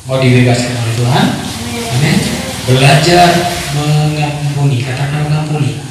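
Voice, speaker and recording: Animated male preacher in an echoey hall. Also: fairly high pitch, moderate pace. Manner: animated, acts out scolding voices and rhetorical questions. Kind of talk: sermon. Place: church youth service hall. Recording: echoey hall, far from mic, faint noise.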